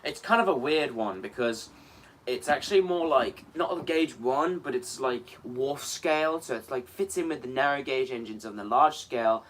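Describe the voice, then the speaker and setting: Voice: medium pitch, moderate pace, fairly bright tone, slight background noise. A co-host in a casual show-and-tell who chats through each item and corrects details along the way. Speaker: co-host presenting model props.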